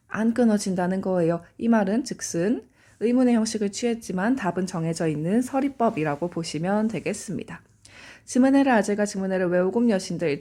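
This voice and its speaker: A woman lectures on classical poetry in a mellow, warm voice of middling pitch. She explains each line patiently, steering her students along with short prompts before every new point. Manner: explanatory, addresses students directly, frequent "자" prompts. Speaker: literature teacher.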